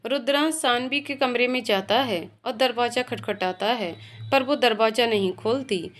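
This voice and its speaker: A woman narrating a heart-touching family story in a steady, emotive storytelling manner. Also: on the high side, moderate pace. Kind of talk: scripted narration.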